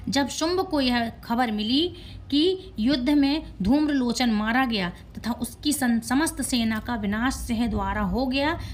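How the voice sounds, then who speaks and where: Lady reading holy scripture out loud, stops to explain words, a bit high pitched, faint hiss behind. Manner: pauses to explain words, self-corrects. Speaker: scripture reciter.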